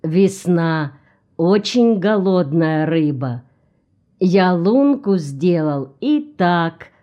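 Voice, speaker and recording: A woman voicing a calm, weathered Chukchi man who speaks slowly in short, simple phrases. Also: lowish voice, lo-fi sound. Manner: slow, broken, simple phrasing.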